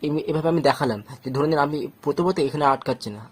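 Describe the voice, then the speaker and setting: A man teaching Quran reading, sounding out letters slowly syllable by syllable and explaining each step calmly. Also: a little high, slightly rough. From Bangladesh or West Bengal. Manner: slow syllable-by-syllable drilling; explains calmly, checks with "okay?". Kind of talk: patient step-by-step recitation lesson.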